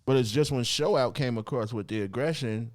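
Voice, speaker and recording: A man's voice: mid-range voice, a little fast, darkish tone, dry recording, studio quality. A man hosting a casual event recap, talking informally in street slang and rambling through his retelling. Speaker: host, event commentator.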